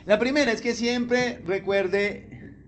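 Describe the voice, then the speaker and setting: Pastor, very high voice, keeps asking the church questions. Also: male voice, takes it slowly. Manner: conversational, asks the congregation questions. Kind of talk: sermon.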